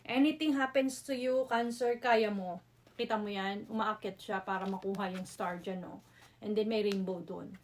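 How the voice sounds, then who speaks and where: A woman's voice: medium pitch, fairly even intonation, moderate pace. A woman with a Filipino accent doing a casual tarot reading, chatty, mixing Tagalog and English with frequent "no?" tag questions. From Philippines. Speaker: tarot reader.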